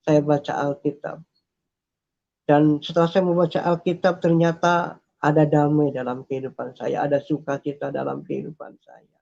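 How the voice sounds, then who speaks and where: Gravelly dark-voiced man giving testimony. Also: a little high, little pitch movement, moderate pace. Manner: earnest, repeats phrases, hesitates with fillers. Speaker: testimony speaker. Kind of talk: personal faith testimony. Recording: dull lo-fi recording.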